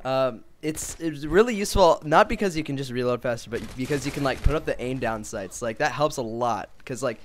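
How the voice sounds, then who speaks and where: A teenage boy explaining his own gameplay in a casual commentary, relaxed, with lots of fillers. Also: medium pitch, brisk, hardly any pauses, a little hiss or hum. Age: teens. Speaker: player explaining his game.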